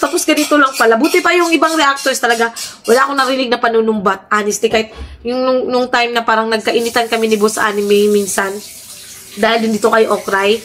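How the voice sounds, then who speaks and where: A woman vlogger with a high, bright voice rants to her followers in heated commentary. She sounds indignant and keeps asking her audience to back her up. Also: a little hiss or hum. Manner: ranting, indignant, repeatedly asks "di ba?". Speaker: vlogger addressing her viewers.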